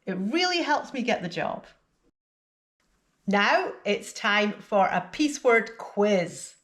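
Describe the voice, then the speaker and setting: Slow, deliberate woman teaching English. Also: mid-range voice, big pitch swings, a bit bright. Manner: clear, deliberate teaching with repeat-after-me drills. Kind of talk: scripted vocabulary lesson.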